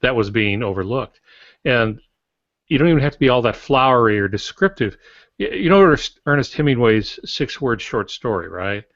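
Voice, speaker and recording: An older man, a writer co-hosting a writing podcast, speaks casually and instructively, using anecdotes to make his points. His mid-range voice is a bit bright, with lively intonation at normal speed. It comes over a video call from a small indoor home office, with dull, lo-fi audio and no echo.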